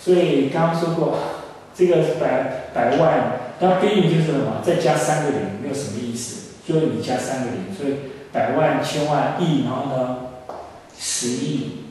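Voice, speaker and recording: A man's voice: mid-range voice, normal speed, darkish tone, slight background noise. A Taiwanese man in his forties teaching an English class, explaining and quizzing students with many questions. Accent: Taiwanese Mandarin. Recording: echoey hall recording from far off.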